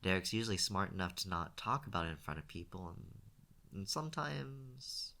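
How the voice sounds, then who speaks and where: A man voicing a quiet, reluctant young man who speaks hesitantly. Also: low-pitched, animated, vocal fry, exaggerated voice. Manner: hesitant, halting.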